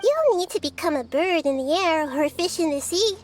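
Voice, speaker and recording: Gentle girl goddess Nahida. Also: very high-pitched, animated, fairly quick, slight background noise. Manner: soft, thoughtful, patient. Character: young girl goddess, gentle, curious and wise. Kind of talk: game voice acting. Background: game music.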